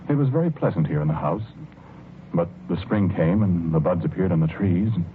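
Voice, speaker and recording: This actor's deep voice has lively intonation as he portrays a gentle, flower-obsessed husband in a 1940s-style radio drama, the old recording muffled with slight background noise. Wistful, he talks in a halting, earnest way and repeats phrases.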